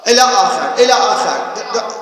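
A man's voice: high-pitched, lively intonation, fairly bright tone. A man teaching an online grammar class, patiently repeating terms and quizzing his students. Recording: very echoey room with long reverb.

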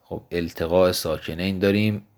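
Deep-voiced man teaching grammar. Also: fairly even intonation, a little mellow. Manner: patient, explanatory, asks and answers his own questions; slows down to spell out example words. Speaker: teacher of Arabic morphology. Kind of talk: recorded grammar lesson.

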